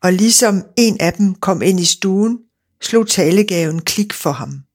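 A narrator reading a fairy tale aloud in a steady, measured storytelling manner. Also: mid-range voice.

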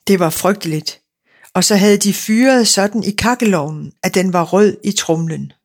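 A narrator reading a fairy tale aloud in a steady, measured storytelling manner. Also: mid-range voice.

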